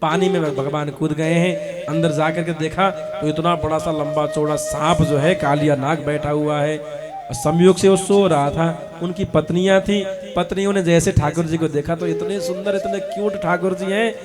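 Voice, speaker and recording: A man narrating a devotional story in an animated way, acting out the characters' words. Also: fairly high pitch, moderate pace, over loud music.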